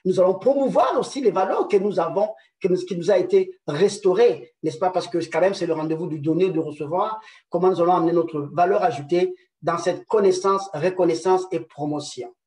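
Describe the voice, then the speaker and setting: A man's voice: high-pitched, a little fast, darkish tone, roomy sound, recorded from a distance. A man giving a conference presentation, hesitating often with repeated words and fillers, and checking in with his audience through rhetorical questions. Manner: rhetorical "n'est-ce pas" tags. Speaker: conference speaker. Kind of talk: presentation lecture.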